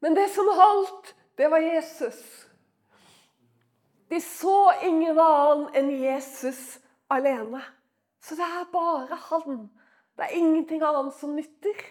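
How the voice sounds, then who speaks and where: A woman preaching a sermon in church in an emotional, conversational way, swinging from loud outbursts to hushed near-whispers and often asking the listeners to agree. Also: very high-pitched, long pauses.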